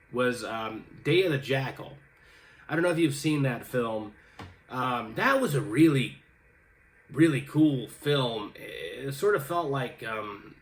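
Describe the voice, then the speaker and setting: A young man talks casually through viewer comments, wandering off on tangents. He stumbles over his words often, with plenty of ums and restarts. He pokes fun at himself along the way. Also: medium pitch. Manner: chatty, self-deprecating, full of fillers and restarts. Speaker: host reading viewer comments. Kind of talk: casual rambling chat.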